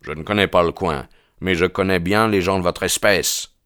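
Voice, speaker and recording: A man's voice: low voice, fairly even intonation, normal speed, a bit bright, no room sound, clean studio sound. A man playing a defiant, growling young stranger. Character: hot-tempered young male stranger, defiant.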